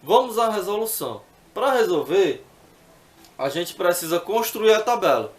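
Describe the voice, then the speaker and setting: A man's voice: high voice, very animated, moderate pace, echoey room. A man teaching math, working through exercises patiently step by step and often checking in with the viewer.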